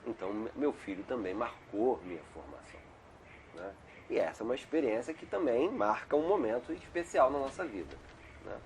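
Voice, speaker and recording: Chatty middle-aged man, medium pitch. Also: animated, a little fast, a little mellow, slight background noise. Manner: chatty, digressive, frequent "né?" tags. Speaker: homeopathic doctor, interview guest. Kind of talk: casual conversational interview. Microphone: video call.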